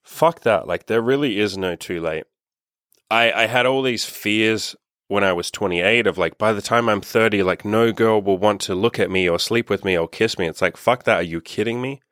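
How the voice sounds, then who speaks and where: A man's voice: on the low side, normal speed, a bit bright, no echo, studio quality. A man in his thirties, a dating and self-improvement coach, talking candidly and upbeat in a casual podcast monologue, swearing freely. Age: 30s. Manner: candid, upbeat and heavily profane.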